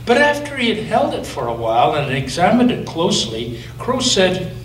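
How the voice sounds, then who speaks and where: A gentle male pastor with a high-pitched voice reads a picture book aloud to children in a church sanctuary, telling the story in a lively way with slow, dramatic pauses. He's recorded from a distance in the echoey space, with faint noise.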